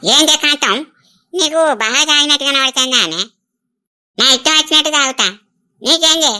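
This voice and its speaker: A boisterous old village grandmother holds forth with a Telangana Telugu accent, as a woman puts her on. Her voice sits high and very bright, and she orders everyone around. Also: moderate pace. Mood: brash. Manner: bossy, boisterous, sing-song when drunk. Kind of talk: village comedy skit.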